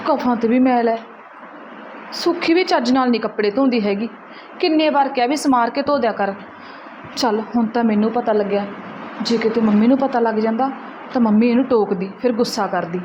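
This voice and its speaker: A young woman playing a fussy elder sister and wife who quickly nags about chores, in a short film. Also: on the high side, background noise, lightly acted. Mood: nagging. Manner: quick, nagging and scolding. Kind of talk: Punjabi short film acting. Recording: slightly dull, lo-fi.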